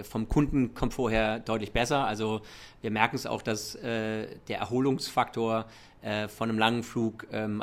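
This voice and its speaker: A man's voice: medium pitch, fairly bright tone. Man with a slight American accent in German. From Germany and the United States. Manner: hesitant, mixing English business terms into German. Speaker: airline chief executive. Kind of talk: conversational interview answers.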